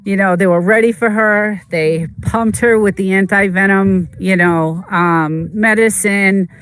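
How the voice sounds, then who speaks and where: A vlogger in casual, rambling chat, repeating words and filling pauses, and turning emotional when recalling a pet's injury. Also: medium pitch, fairly even intonation, fairly bright tone, clear, resonant tone. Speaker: vlogger telling a personal story.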